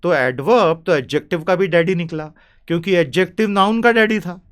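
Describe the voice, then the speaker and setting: A man with an Indian accent teaching English vocabulary, chatty and playful, slowly stretching out the key words. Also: high voice, fairly bright tone, clear, resonant tone. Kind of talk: spoken vocabulary lesson.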